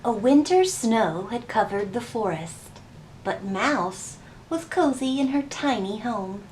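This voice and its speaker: Lively in intonation yet darkish in tone, her voice is on the high side and she takes it slowly. As a children's library storytime host, she reads picture books and gives instructions in a questioning, sing-song manner, recorded roomy and distant with faint background noise.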